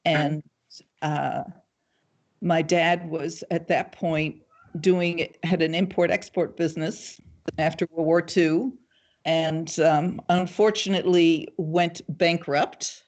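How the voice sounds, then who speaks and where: Slow, measured older woman. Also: sits low, steady tone, a little mellow. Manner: measured and thoughtful, with many pauses and ums. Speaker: guest, local party committee chair. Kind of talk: casual livestream interview.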